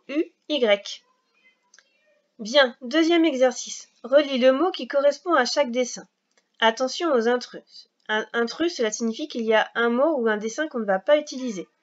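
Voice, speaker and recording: A woman teaching a recorded reading lesson for young children, explaining slowly, patiently and step by step. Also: fairly high pitch, lo-fi sound.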